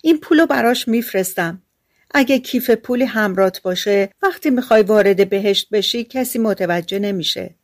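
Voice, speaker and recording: A woman's voice: medium pitch, no echo, studio quality, close to an everyday voice. A woman voicing an earnest, gullible peasant housewife in a storybook fairy tale, speaking eagerly.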